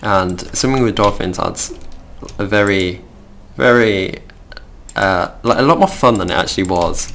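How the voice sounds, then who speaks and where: Gravelly young Midlands man chatting. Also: fairly low pitch, animated, unhurried, fairly bright tone, slight background noise. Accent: Midlands English. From England. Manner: chatty, rambling, easily distracted. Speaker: gaming channel host. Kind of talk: casual game commentary.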